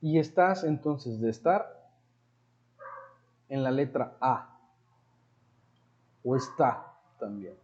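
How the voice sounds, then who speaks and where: A man with a Mexican accent teaching a grammar class, explaining slowly and repeating words as he thinks. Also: medium pitch, expressive, darkish tone. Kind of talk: online grammar lecture. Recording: dull lo-fi audio.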